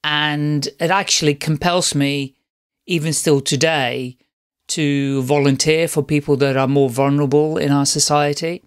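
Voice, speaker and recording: A middle-aged man tells his own story as a podcast guest. His voice sits a little high for a man, and he rambles warmly from one point to the next, often restarting his sentences. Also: fairly even intonation, unhurried, clean tone. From Netherlands. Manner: chatty, rambling, with frequent restarts. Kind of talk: casual interview storytelling.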